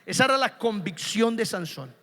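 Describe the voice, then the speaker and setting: Guy preaching, really high bright voice, gets loud then quiet, big echoey church. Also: lively intonation, moderate pace. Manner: emphatic, swings from soft to shouting. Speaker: pastor. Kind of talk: sermon. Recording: long church reverb.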